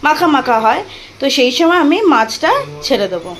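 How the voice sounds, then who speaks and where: A woman's voice: high voice, very animated, brisk, faint music behind. A woman in her thirties with a Bengali accent, chatting through a home cooking vlog step by step. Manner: chatty, explaining step by step to viewers. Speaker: vlogger. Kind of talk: casual cooking vlog narration. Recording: noisy home video with clear background noise.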